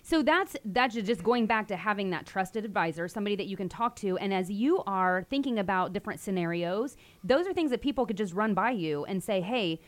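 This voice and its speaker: A woman's voice: medium pitch, lively intonation, fairly quick, few pauses. Chatty lady host, voice swoops up and down a lot, laughs easily, playful. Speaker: show host. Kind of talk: casual interview talk.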